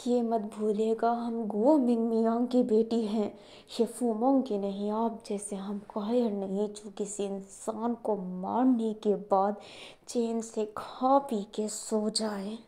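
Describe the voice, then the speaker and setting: A woman's voice: medium pitch, steady tone, takes it slowly, mellow, close to an everyday voice. A woman voicing a defiant, bitter young woman in a fan fiction reading, with a cold, cutting and scornful delivery. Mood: cold defiance.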